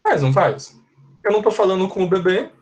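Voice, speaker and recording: A man's voice: high-pitched, lively intonation, fairly quick, a little mellow. A Brazilian man who teaches English, giving a live online class. He explains patiently, repeats his points and keeps checking that his students understand. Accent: Brazilian Portuguese.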